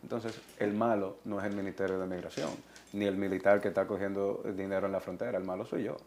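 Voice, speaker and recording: A man, a guest on a TV talk show, explaining his view in a measured, deliberate way. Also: deep voice, steady tone. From Dominican Republic.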